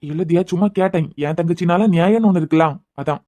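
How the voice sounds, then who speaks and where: A woman's voice: on the low side, dark tone, lightly acted. A woman voicing an injured young husband in a cartoon, talking bluntly and teasingly in a Kanyakumari Tamil accent. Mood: probing. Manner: blunt, teasing, quick talk. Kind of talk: cartoon voice acting.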